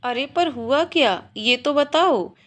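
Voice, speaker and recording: A woman storyteller voicing a playful, teasing young husband in a low, soft voice. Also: unhurried.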